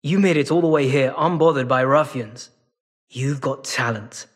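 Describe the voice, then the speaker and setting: A man playing a sly, wry, world-weary cat stalker in a video game, bargaining in a casual, streetwise way with a husky voice. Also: medium pitch, normal speed, close to an everyday voice. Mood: sly, salesmanlike. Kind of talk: video game character acting.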